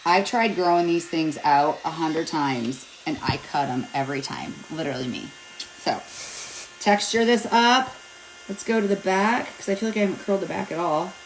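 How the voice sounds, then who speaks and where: Chatty, self-deprecating woman with a low voice. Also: animated, normal speed, a little hiss or hum, rough recording. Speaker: beauty vlogger. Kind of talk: casual hair tutorial. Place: home, at a mirror.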